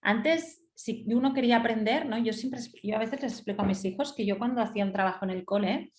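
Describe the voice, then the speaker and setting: A middle-aged woman lectures in a slightly high voice, pausing to check that her listeners follow. Her voice rings around an echoey room as she explains step by step. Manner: didactic, checks in with rhetorical "¿sí?". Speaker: teacher giving a reading webinar.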